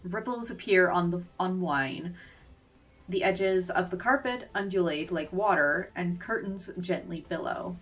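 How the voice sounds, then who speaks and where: A woman's voice: on the low side, unhurried, fairly bright tone, recorded from a distance. A woman streamer reading a game's story aloud, with casual joking asides. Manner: reads narration aloud, breaks into laughing asides. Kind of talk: game reading and reaction.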